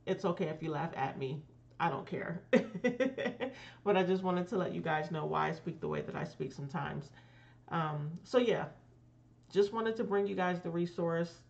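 A woman's voice: lowish voice, normal speed, darkish tone, lo-fi sound. A woman with a lisp from braces on her teeth, speaking as a consultant and channel host giving a casual recommendation. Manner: careful effort to articulate clearly.

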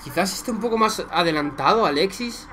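A young man from Spain with a Spanish accent, reacting live to a football match, excitable and profane, shouting at goals and muttering in between, talking to his viewers like friends. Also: sits high, brisk, crowd noise.

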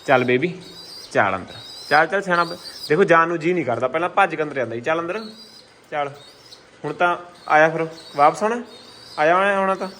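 Higher-pitched Punjabi man vlogging over noise. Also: brisk, sharp tone. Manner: coaxing pet birds with repeated calls and endearments. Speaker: pigeon-keeping vlogger. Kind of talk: casual vlog chat. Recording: noisy handheld recording with ambient sounds.

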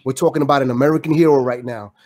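A man's voice: medium pitch, steady tone, very fast, a little mellow. A man from the Dominican Republic hosting a casual interview, speaking emphatically and repeating his phrases for effect. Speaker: podcast host. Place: home studio indoors. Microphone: studio mic with headphones.

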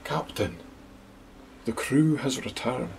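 A man doing a nervous, rough-spoken pirate sailor. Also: fairly low pitch, slow, a little hiss or hum, exaggerated voice. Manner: apologetic, uneducated dialect.

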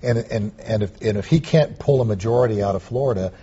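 A man giving measured counterpoints on a TV political panel. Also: fairly low pitch, dark tone, husky, highs cut off. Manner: measured, agreeable counterpoint with repeated "I think". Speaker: Democratic strategist, panelist.

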